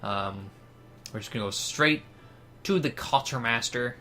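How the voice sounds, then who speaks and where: A man's voice: fairly low pitch, unhurried, pushed and bright, soft background music. A man giving laid-back, rambling commentary while playing a video game. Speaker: gameplay video host. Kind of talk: casual gameplay commentary.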